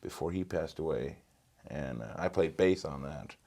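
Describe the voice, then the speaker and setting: A man's voice: very deep voice, normal speed, a little mellow. A man, a guitarist and studio engineer answering interview questions with many fillers and restarts, on a lapel mic in a small home studio. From Norway. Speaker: guitarist and recording engineer guest. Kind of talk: casual interview. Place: home music studio, indoors.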